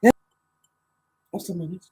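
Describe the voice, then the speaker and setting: A woman DJ hosting a live show, chatting casually, joking and giving shout-outs to listeners. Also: measured pace, rough recording. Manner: chatty, animated, jokey. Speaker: DJ and show host.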